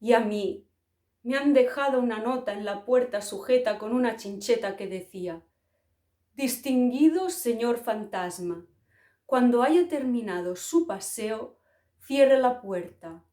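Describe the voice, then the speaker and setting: A woman's voice: on the high side, expressive, a little slow, mellow. An indignant complaining ghost, as a woman reads it out. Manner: aggrieved, exclaiming complaints. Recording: roomy echo.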